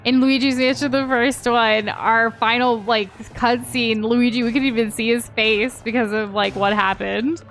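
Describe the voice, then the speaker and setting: Female gaming co-host, higher-pitched, chatting casually about play over game music. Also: fairly even intonation, normal speed, few pauses, a bit bright. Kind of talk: casual game commentary with dramatic read-outs.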